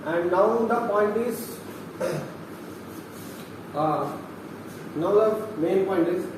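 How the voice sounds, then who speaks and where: Picked up from a distance in a noisy, heavily echoing room, a young adult philosophy student presents at a seminar. He speaks Indian English with a Telugu accent, his voice high for a man, and his delivery is halting, packed with fillers and restarts.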